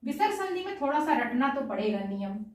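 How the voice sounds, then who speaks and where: Woman, high voice, grammar teacher, asks and answers her own questions, very echoey room. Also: big pitch swings, brisk, darkish tone. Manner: asks questions then answers them herself, repeats answers. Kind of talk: exam-prep grammar lesson. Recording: very echoey room, distant mic.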